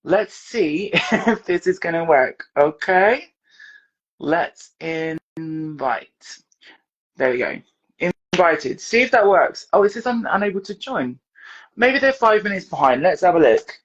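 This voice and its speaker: A woman from the UK hosting a casual live stream from her dressing room, chatty and laughing while sorting out tech, with a hoarse voice. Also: on the low side, animated, slow, highs cut off. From United Kingdom. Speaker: podcast host.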